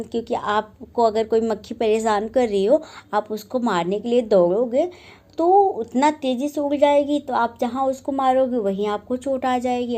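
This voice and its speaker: A woman's voice: a little high, warm tone. A woman teacher reading a children's story aloud and patiently explaining each passage in simple words.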